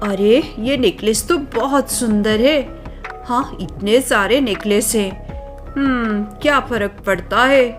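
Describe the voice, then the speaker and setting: A woman voicing a spoiled, scheming young wife who sweet-talks and boasts, in a cartoon story. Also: a little high. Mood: gleeful. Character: scheming spoiled young wife, sticky-fingered sister-in-law.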